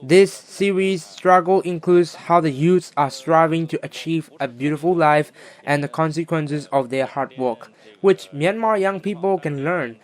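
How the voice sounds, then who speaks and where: A man's voice: fairly high pitch, measured pace. A man giving formal, prepared remarks as an invited guest in a news report.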